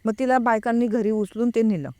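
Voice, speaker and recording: A woman telling a personal story in a casual, hesitant way. She pauses to recall details. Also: on the high side, steady tone, warm tone, dry recording. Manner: reenacts a friend's frightened words. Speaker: guest recounting a personal experience.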